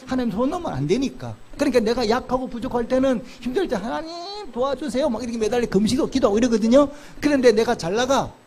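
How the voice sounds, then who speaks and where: Guy pastor giving a sermon, asks the crowd stuff then answers it, goes loud then real quiet, warm dark voice. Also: extremely high pitch. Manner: animated preaching, swings between loud exclamations and soft, slow confessional murmurs; asks the congregation questions and answers them himself.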